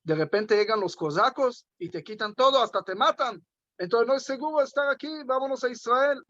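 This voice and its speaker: A man's voice: very high-pitched, brisk, fairly bright tone, no echo, muffled recording, pitched above the performer's own voice. A man voicing an earnest rabbi from an old story, speaking in a pleading, heartfelt way.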